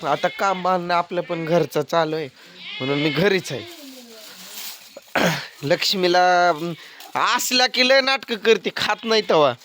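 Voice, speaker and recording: A man's voice: high-pitched, a little slow, long pauses, noisy background. A man filming his family on a phone in a farmyard, scolding and teasing them in a blunt, casual way. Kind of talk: casual home vlog. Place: farmyard at home with animals. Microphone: phone camera.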